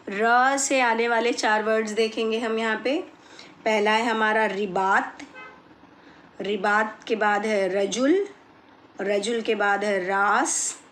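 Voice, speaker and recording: A woman teaching children Arabic words, patiently explaining and repeating each word slowly. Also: medium pitch, a bit bright, slight background noise. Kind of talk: slow explanatory lesson.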